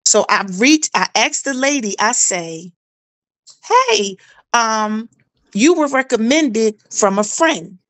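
A woman's voice: on the high side, animated, takes it slowly, fairly bright tone, dry recording. A middle-aged woman tells her own story in casual chat. She talks animatedly, acting out quoted dialogue and repeating phrases for emphasis. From South Carolina, US.

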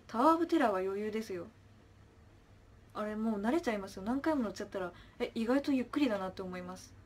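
A young woman, an idol, chatting casually on a livestream, reading viewer comments aloud, chirping thanks and trailing off into soft murmurs. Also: medium pitch, animated, fast.

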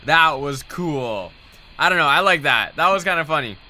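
A man hosting a casual reaction video, excitedly exclaiming and puzzling over each clip. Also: fairly high pitch, moderate pace. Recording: background music under the voice.

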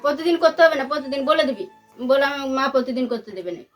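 Middle-aged woman, mother, high voice, quick curt scolding, at home, faint music. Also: animated. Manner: short, scolding replies. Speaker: vlogger's mother. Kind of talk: casual scolding chat at home. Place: home, indoors. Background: background music.

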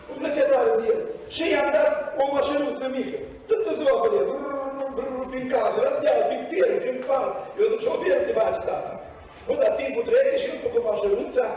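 High-voiced preacher in an echoey church. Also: male voice. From Romania. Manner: animated storytelling, acting out dialogue. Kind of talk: sermon. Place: church hall. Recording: echoey hall from far off.

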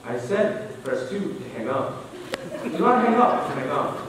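A man's voice: sing-song, a little slow. A man doing a spliced-together pay phone recording. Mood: stubborn. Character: male automated pay phone recording, stubborn, mocking. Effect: choppy spliced-together recorded prompts, words jumping in pitch. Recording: echoey hall, voice from far off, faint hiss.

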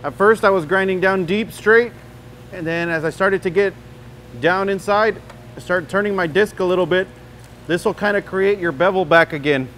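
A man in his thirties giving a relaxed, folksy welding demonstration in a shop, talking the viewer through each step. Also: high voice, moderate pace, a little hiss or hum. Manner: relaxed, folksy, frequent "you know". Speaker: welding instructor. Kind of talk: casual demonstration tutorial. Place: large welding shop indoors.

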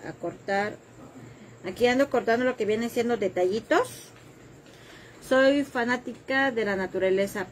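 A woman's voice: mid-range voice, a little hiss or hum. A woman hosting a live craft tutorial, chatting with viewers and joking about herself while she cuts. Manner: chatty and self-deprecating, reads viewer comments while working.

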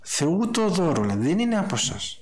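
Animated man preaching a sermon. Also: sits high. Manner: animated storytelling, acting out dialogue in a raised voice.

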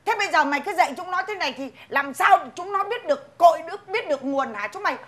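Một người phụ nữ đóng vai bà nội già nghiêm khắc, giọng miền Bắc, hay mắng mỏ con cháu trong tiểu phẩm hài. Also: female voice, very high-pitched, lively intonation, fast, a bit bright. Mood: scolding. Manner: scolding, blunt, teasing. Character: stern old grandmother, scolding. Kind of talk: comedy sketch acting.

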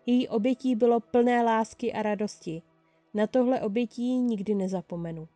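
A woman reading a fan story aloud in the first person, telling it in a lively way. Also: fairly high pitch, no room sound, faint music behind. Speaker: fan-fiction reader.

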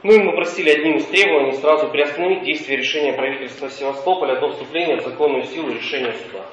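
A man presenting a formal legal argument in court, measured with occasional hesitations, captured on a dictaphone recording in the courtroom. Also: on the high side, fairly bright tone. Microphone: dictaphone far from the speaker. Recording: echoey, distant, dull dictaphone recording.

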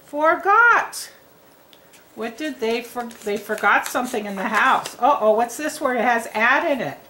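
Brief: woman teacher reading with small kids, slow and encouraging, slightly high voice. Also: expressive, bright, forceful tone, slight background noise. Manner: slow, encouraging, sounds words out. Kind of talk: reading lesson for young children. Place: indoors at a tabletop.

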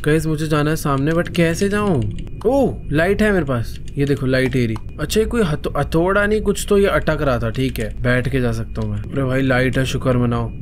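A young man with a Hindi accent doing excitable let's play commentary of a horror game, talking to viewers with jumpy startled cries. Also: mid-range voice, moderate pace, a little hiss or hum. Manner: excitable, talks to viewers, jumpy frightened exclamations. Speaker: gaming YouTuber.

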